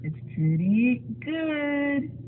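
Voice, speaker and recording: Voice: sits high, sing-song, drawn-out words, heavily acted. A performer voicing a chatty, goofy sock puppet guide in a muffled voice, in an amateur puppet show. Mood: friendly, boastful. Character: chatty sock puppet showing a newcomer around town. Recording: tinny phone-like sound, faint noise.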